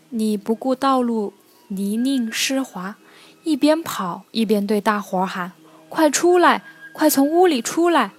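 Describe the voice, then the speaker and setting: A woman voicing a kind, patient mother goat in a children's storybook reading, speaking in a soothing, coaxing way. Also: mid-range voice.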